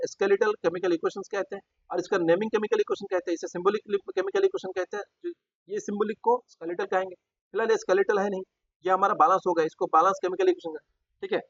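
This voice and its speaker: A man's voice: high-pitched, dry recording. A man teaching school science in speech, explaining step by step and often checking in with his students. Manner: explains step by step, repeats terms, frequent tag questions. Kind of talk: classroom lecture at a board. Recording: dull, dry lo-fi recording.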